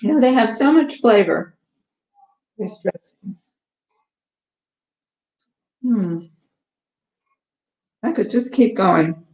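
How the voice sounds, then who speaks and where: Relaxed woman chatting thru a live cooking stream, lots of ums, echoey room, kinda muffled sound. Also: mid-range voice, takes it slowly, long pauses. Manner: relaxed, chatty, many ums, tasting and eating while talking. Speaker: cooking show host. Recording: echoey, dull livestream audio.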